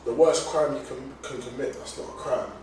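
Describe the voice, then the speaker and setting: A man's voice: mid-range voice, steady tone, moderate pace. A young man with a London roadman street accent, bantering casually in heavy slang. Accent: London, urban street style. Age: young adult. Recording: very echoey room, distant mic, faint noise.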